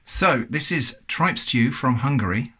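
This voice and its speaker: English male host, casual food-review chat, thoughtful, mid-pitched. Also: expressive, measured pace, bright, forceful tone, slightly rough, soft background music. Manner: chatty, thoughtful, self-deprecating.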